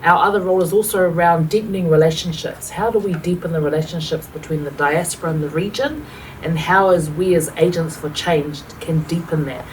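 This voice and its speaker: A woman's voice: on the low side, fairly quick. A woman from New Zealand with a New Zealand accent, speaking earnestly as a panelist with fillers. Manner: earnest, reflective, many fillers. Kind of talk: panel discussion talk. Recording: distant mic with faint room noise.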